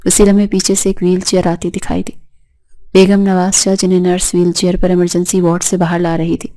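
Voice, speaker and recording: Woman narrator for a romance novel, steady reading, mellow tone. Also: on the low side.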